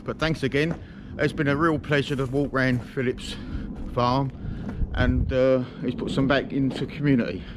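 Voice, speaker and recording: A man's voice: mid-range voice, steady tone, moderate pace. A British man with slurred, toothless diction, casually hosting a farm-visit vlog. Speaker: video host. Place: working farm yard and sheds. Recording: noisy on-location camera sound.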